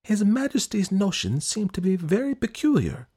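A man's voice: high-pitched, very animated, moderate pace, warm tone, breathy edge, pitched above the performer's own voice, full character voice. A man voicing a fussy, perplexed young prince who speaks in a raised, formal, pleading tone.

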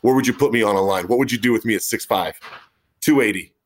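A man's voice: fairly low pitch, fast. Easygoing male host chatting. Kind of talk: casual chat.

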